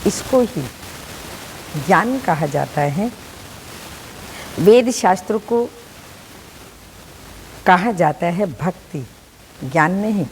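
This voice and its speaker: A woman with a Hindi accent giving a measured, deliberate devotional reading of a spiritual discourse. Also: lowish voice, lively intonation, darkish tone, long reverb tail, a little hiss or hum, low-quality recording. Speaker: spiritual teacher reading the daily lesson.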